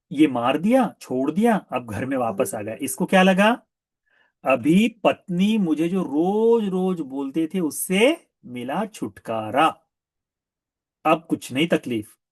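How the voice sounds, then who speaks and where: A man's voice: medium pitch, dry recording, clean studio sound. A male Buddhist monk telling a story in a sermon, asking his listeners questions and repeating words for emphasis. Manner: animated, asks listeners rhetorical questions; repetitive for emphasis.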